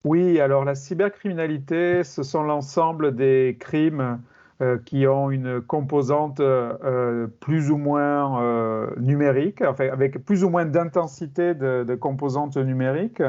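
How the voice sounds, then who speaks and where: A middle-aged man from France, a criminology professor explaining his field in an interview, measured and hesitant with many fillers. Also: medium pitch, steady tone, dark tone, clean tone, lo-fi sound.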